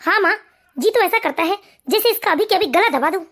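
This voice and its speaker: A woman voicing a cruel, hot-tempered young husband in an animated family story, with blunt, gruff threats. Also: very high voice, a little fast. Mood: angry.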